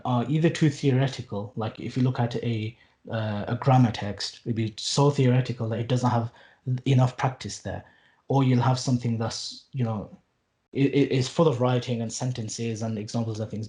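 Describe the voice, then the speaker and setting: Warm and medium in pitch, the voice belongs to a man in his late twenties who teaches Arabic. As a podcast guest in a casual interview, he speaks earnestly but loosely, with frequent restarts, fillers and some wry comments.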